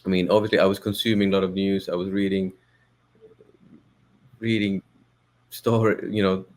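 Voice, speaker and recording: A man's voice: sits low, flat delivery, normal speed. A man from Finland, a Finnish speaker, talking in a podcast interview as a guest, thoughtful and hesitant with many fillers and restarts. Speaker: guest, photo editor.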